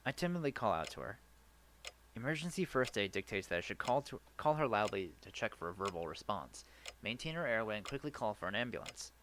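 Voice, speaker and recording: A man's voice: lowish voice, brisk, background noise. A man hosting a let's play, reading a visual novel's first-person narration aloud with the occasional stumble. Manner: earnest first-person narration with a lively delivery and some stumbles. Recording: faint game music behind.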